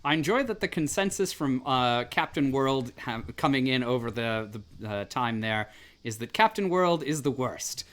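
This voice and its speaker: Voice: medium pitch, animated, moderate pace, fairly bright tone. A host talking casually on a livestream in a wry, chatty, theatrical way.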